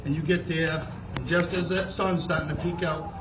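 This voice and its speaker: A man's voice: fairly high pitch, steady tone, normal speed. A man telling a humorous, folksy hunting-style yarn at an outdoor fair, as in a moose call contest. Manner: folksy, second-person yarn-spinning. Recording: distant, echoey, noisy outdoor fair recording.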